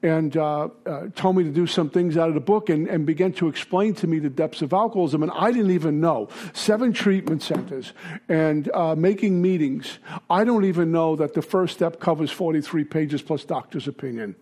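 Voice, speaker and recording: A man from Brooklyn with a Brooklyn accent, giving a blunt, halting personal testimony at a recovery meeting. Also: fairly high pitch, mellow. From Brooklyn, New York. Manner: blunt, halting, with many fillers.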